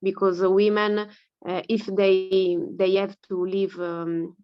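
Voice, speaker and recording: A woman's voice: medium pitch, little pitch movement, takes it slowly, clean tone, no room sound. A woman with an Italian accent answering as a guest on a discussion panel, heard through dull audio. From Italy.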